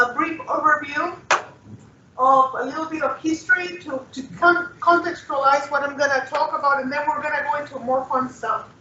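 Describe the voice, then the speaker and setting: A Peruvian cultural anthropologist, appearing as a guest speaker, delivers an earnest presentation to an audience in a high voice over a noisy background. She often restarts her sentences and checks in with "right?", and the recording sounds dull, roomy, and distant.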